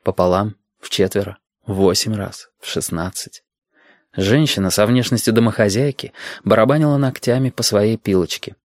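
A man narrating a novel in an even, unhurried manner. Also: on the low side, no room sound, clean studio sound. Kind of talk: audiobook narration.

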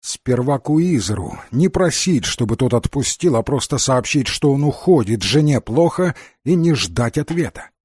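A male audiobook narrator with a husky voice reads in an expressive, dramatic way. His pitch moves a lot across phrases. The recording is dry and close. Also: normal speed, hardly any pauses, no room sound. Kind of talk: scripted narration.

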